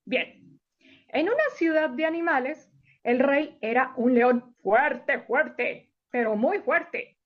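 A woman's voice: high voice, takes it slowly. A woman telling stories to young children in a sing-song way, repeating words for emphasis, on a dull lo-fi recording. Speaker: children's storyteller and teacher.

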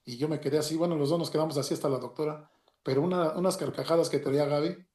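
Halting Mexican man in a roomy echo. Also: on the high side, steady tone, a little mellow. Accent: Mexican Spanish. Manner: halting, with many restarts and reenacted dialogue. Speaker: storyteller giving a personal testimony. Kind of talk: emotional personal story, casual.

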